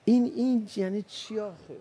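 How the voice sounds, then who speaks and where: A man preaching an impassioned mourning sermon, moving from soft pleading to loud cries. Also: sits high, fairly even intonation, slightly rough.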